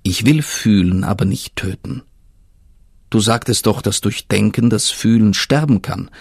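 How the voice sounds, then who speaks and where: A man voicing a clever, curious spirit of thinking in a storybook reading, asking earnestly with a husky tone. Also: fairly low pitch, darkish tone, no echo, clean studio sound, full character voice. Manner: earnest, questioning.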